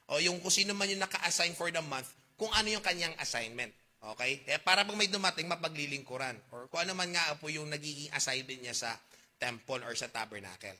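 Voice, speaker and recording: A man with a Filipino accent preaching a sermon, reading old-fashioned scripture slowly and asking his congregation questions. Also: on the high side, bright, forceful tone. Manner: mixes Tagalog and English, reads KJV verses slowly; asks the congregation questions, jokes. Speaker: pastor.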